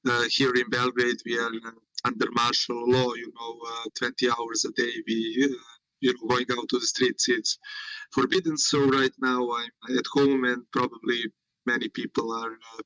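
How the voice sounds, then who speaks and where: A man giving an informal online talk as a guest speaker from home, pausing often mid-phrase. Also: mid-range voice, little pitch movement, bright, forceful tone, no echo, rough recording. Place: at home, indoors. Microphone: internet call.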